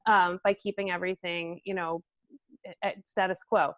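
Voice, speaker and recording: A woman's voice: on the low side, little pitch movement, moderate pace, fairly bright tone, dry recording. A woman in her thirties, an interview guest speaking earnestly in a casual conversation, with many "um"s and "like"s. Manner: earnest, frequent fillers like "um" and "like".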